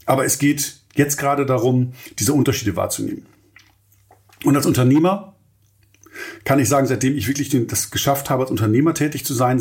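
Middle-aged guy doing his solo business podcast, earnest and pep-talky, talks right at the listener, mid pitch. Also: a little mellow. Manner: earnest, motivational, addresses listeners directly. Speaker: podcast host, entrepreneur.

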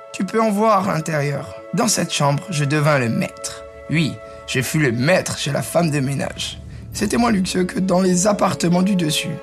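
A man's voice: fairly high pitch, natural voice. A man voicing an old chained guard dog who lectures and reminisces in a know-it-all manner in a storybook tale.

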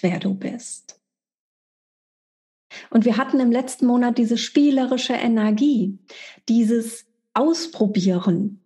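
Fairly high-pitched and mellow, this middle-aged woman coaches her listener through the month's spiritual energy forecast. Her delivery is direct and emphatic.

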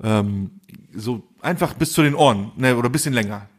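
A man's voice: medium pitch, lively intonation, a little fast, husky. A man co-hosting a podcast, telling a story in a casual, slangy way and acting out both sides of the dialogue. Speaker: podcast co-host.

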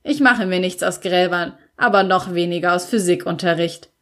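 A woman's voice: lowish voice, normal speed, a bit bright, close to an everyday voice. A woman reading an audiobook, voicing a cool, sardonic teenage boy who is grieving his brother, with a dry, offhand delivery.

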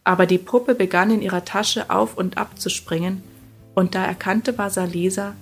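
Calm woman reading a fairy tale. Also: mid-range voice, moderate pace, husky, faint music behind. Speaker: narrator. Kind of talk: storybook narration.

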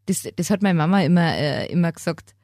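Chatty woman co-host, halting and animated. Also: on the low side, no room sound, clean studio sound. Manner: chatty, warm-hearted, halting with fillers. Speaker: podcast co-host. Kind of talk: casual chat.

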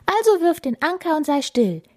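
Brief: bookish storybook girl played by a woman, firm and insistent, high and lively. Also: moderate pace. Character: determined bookish young girl.

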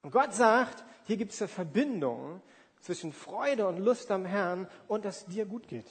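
Drawing on everyday examples and acted-out asides, a man in his forties preaches in a conversational, emphatic way and poses rhetorical questions. His voice sits high and sounds animated yet unhurried, echoing in a reverberant hall.

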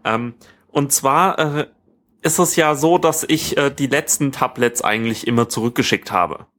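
Man, medium-pitched voice, casual podcast co-host, rambling, stop-start phrasing, corrects himself. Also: a bit bright. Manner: rambling, halting, self-correcting. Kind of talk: casual tech podcast chat. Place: living room.

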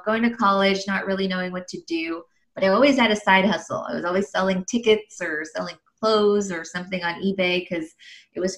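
A woman in her thirties, from the Philippines and raised in Los Angeles, answers interview questions easily as a guest and online entrepreneur. Her voice is fairly low in pitch yet fairly bright, with frequent ums and little laughs, and the recording is rough.

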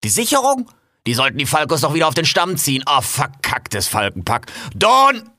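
Man playing a loudmouth raccoon, low voice, bright forceful tone, dry sound. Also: brisk, no room sound. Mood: agitated. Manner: loud, cursing, jumpy and excitable. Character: brash, foul-mouthed male raccoon garden worker. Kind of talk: audio drama acting.

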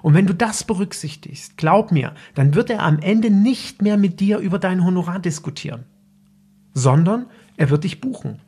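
Gravelly-voiced male business coach. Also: sits high, lively intonation, moderate pace, dark tone. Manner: direct, instructive, addresses the listener informally; loose, with fillers and restarts. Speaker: business coach and podcast host. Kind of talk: solo coaching podcast.

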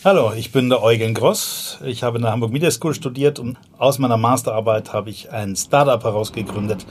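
On a podcast, a forty-something startup founder from Vienna shares stories in a casual, slangy manner, restarting often and filling gaps with fillers. He speaks briskly at medium pitch in a slightly rough voice.

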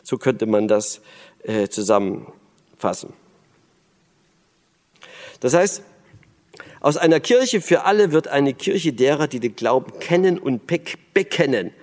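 A man's voice: mid-range voice, sing-song, slow, long pauses, a little mellow. A man from Berlin giving a lecture on the church, thoughtful, with many fillers and restarts. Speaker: speaker on church and religion. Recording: long hall reverb.

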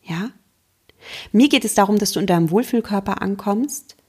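Female mindfulness coach, podcast host; breathy, gentle, encouraging, speaks directly to the listener. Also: mid-range voice, normal speed. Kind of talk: self-help podcast talk.

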